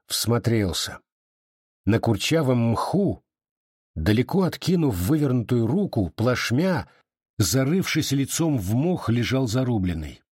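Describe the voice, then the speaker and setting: A man giving measured, expressive literary audiobook narration. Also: medium pitch, husky, dry recording, clean studio sound.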